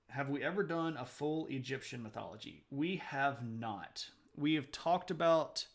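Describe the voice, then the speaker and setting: A man hosting a live stream, chatting casually with viewers, answering their messages aloud and laughing often. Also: mid-range voice. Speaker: livestream host.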